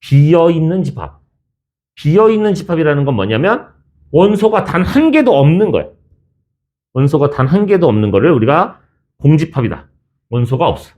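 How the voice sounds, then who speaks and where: Lively, chatty male math teacher. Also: on the high side, moderate pace, pauses often. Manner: chatty, teasing, switches between formal and casual speech. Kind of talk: classroom lecture. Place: classroom.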